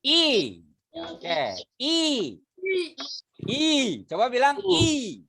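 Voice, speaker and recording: A man teaching a poetry reading class. His voice swings widely in pitch as he explains things casually and animatedly, demonstrating sounds and drilling his students. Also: expressive, drawn-out words, gravelly, sharp tone. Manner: casual, explanatory, uses fillers like "gitu ya".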